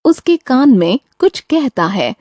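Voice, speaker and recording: A woman announces the cues of a classroom play in a mellow, unhurried voice. Her pitch moves lively from cue to cue. The recording is dry and close. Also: dry recording. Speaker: narrator reading stage directions. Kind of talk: scripted narration.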